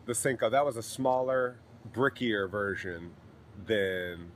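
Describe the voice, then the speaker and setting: Laid-back low-voiced man hosting. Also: takes it slowly, slight background noise. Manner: relaxed, many "uh" fillers. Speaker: podcast host and stand-up comic. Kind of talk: casual podcast chat.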